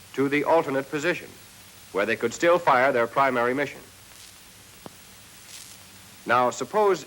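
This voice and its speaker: An American man narrates a 1940s military training film, reading a scripted lesson and giving trainees clear, direct instructions. His voice is medium in pitch with a fairly bright tone, though the audio quality is poor.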